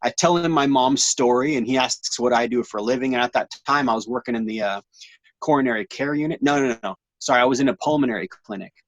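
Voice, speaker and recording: A man in his forties telling his story as an interview guest, animated and slangy, rambling with lots of restarts. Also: medium pitch, fast, no room sound, highs cut off. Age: 40s.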